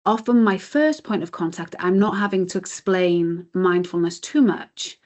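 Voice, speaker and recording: A British woman who runs a mindfulness charity answers interview questions earnestly and explanatorily, her low-side voice darkish and unhurried. The sound is lo-fi in this conversational interview.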